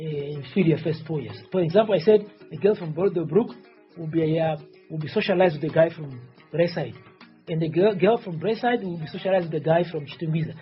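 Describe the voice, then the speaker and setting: A man in his forties, originally from Tanzania, responds to interview questions as a presidential candidate. His voice sits on the high side and the recording is muffled. He rambles, presses his points insistently and often says the same thing again.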